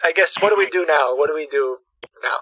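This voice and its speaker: A man's voice: a little high, brisk, highs cut off, crowd noise, natural voice. A man playing a naive, confused customer on a support call, hesitant and repeating himself. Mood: confused, stalling. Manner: hesitant, repetitive.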